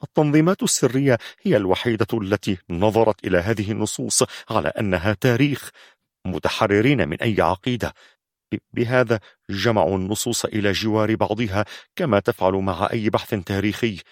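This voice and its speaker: A man reading a novel aloud in a measured storytelling manner. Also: fairly low pitch, dry recording, studio quality. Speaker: narrator. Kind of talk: scripted audiobook narration.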